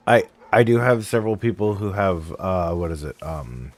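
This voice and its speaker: A man's voice: low-pitched, expressive, normal speed. A young man streaming a game, rambling casually and apologetically to his chat.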